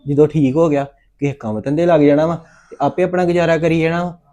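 A man's voice: fairly high pitch, steady tone, fast, mellow, natural voice. A man with a Punjabi accent playing a young adopted son who is ashamed and insists on leaving home. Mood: hurt pleading.

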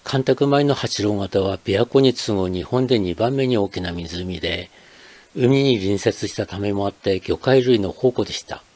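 Older man, low voice, measured scripted narration for a dialect lesson video. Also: a little mellow. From Akita, Japan. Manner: measured, explanatory reading. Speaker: channel host.

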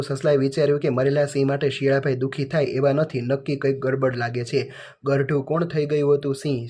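A man teacher, reading out workbook answers to children in a flat, list-like way. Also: medium pitch.

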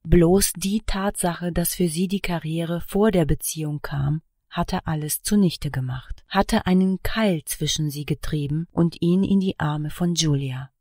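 Woman, audiobook narrator, calm even reading, low voice, dry close sound. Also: measured pace, hardly any pauses, no room sound. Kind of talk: scripted narration.

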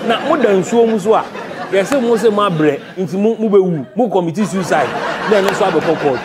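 High-pitched Ghanaian man, West African accent. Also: lively intonation, normal speed. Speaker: comedy news show host. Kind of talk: comic satirical news commentary. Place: indoor TV studio set. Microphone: lapel mic. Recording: noisy, with crowd sound behind.

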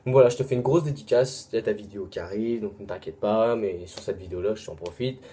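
A young man with a French accent, rattling off a long list of names in a casual shout-out video, with quick asides and apologies. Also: lowish voice, a little hiss or hum. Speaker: vlogger.

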